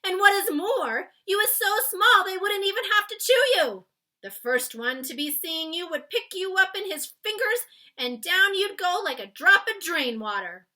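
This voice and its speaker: A woman performs a full character voice for a big, kindly giant from a children's storybook, pitched extremely high, well above her own voice, pushed and bright. At normal speed, she animatedly explains with relish in exclamations full of muddled grammar and made-up words.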